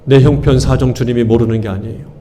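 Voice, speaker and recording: Speaking fast with a mellow, medium-pitched voice and fairly even intonation, a male pastor preaches to his congregation. He hammers key words through repetition and throws call-and-response questions at the listeners.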